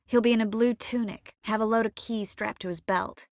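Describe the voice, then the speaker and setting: An actress voices a young sorceress in a fantasy video game, caring, wry, passionate and matter-of-fact, with an expressive, clearly articulated, intimate delivery. Her voice is on the high side and lightly acted at a moderate pace. The studio-quality recording has no echo.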